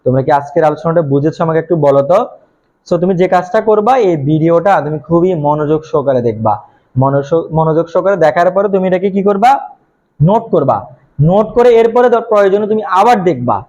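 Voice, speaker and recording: High-voiced man teaching, questioning himself. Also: animated, a little mellow, highs cut off. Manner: asks questions and answers them himself; repeats points slowly and patiently. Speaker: English teacher. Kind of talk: video lesson for students.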